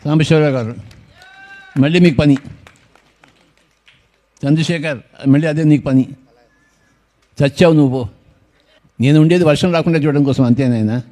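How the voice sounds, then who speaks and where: An older man leads a meditation gathering in an informal way, tossing joking, teasing asides to people in the crowd. His voice is a little high and dark-toned, at a moderate pace with long pauses.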